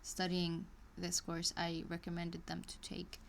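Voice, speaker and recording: A woman reads an online course aloud on a casual live stream in a low, monotone voice with vocal fry, going a little slowly over a little hiss or hum. She hesitates with many ums and restarts and breaks off into chatty asides and small laughs.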